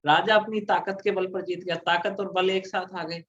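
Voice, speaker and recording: Male tutor, somewhat high-pitched, patient explanatory lecture style, muffled low-fidelity audio. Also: steady tone, moderate pace, a bit bright. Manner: explanatory, asks and answers his own questions. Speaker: teacher. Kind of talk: exam prep grammar lecture.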